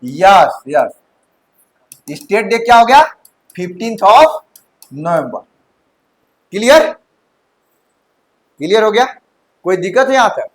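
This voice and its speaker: High-voiced male coaching teacher. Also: lively intonation, takes it slowly, long pauses, low-quality recording. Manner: checks understanding often, mixes English terms into Hindi. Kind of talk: classroom lecture. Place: classroom.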